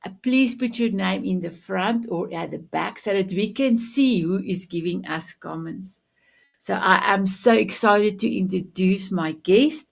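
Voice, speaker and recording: This live-stream host, whose first language is Afrikaans, runs a motivational show with plenty of affirmation and terms of endearment. Her medium-pitched voice is gravelly and unfolds at a measured pace.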